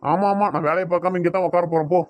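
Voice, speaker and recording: A man's voice: sits high, fairly even intonation, very fast, no room sound, dull audio, lightly acted. A man with a Tirunelveli Tamil accent voicing a stubborn middle-aged father in a cartoon, scolding his wife in an argument. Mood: heated. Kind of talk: cartoon voice acting.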